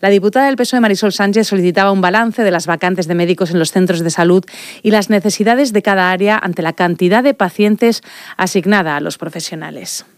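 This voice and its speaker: A woman's voice: medium pitch, fast, no echo. A woman, reading the regional news as anchor in a studio. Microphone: studio microphone.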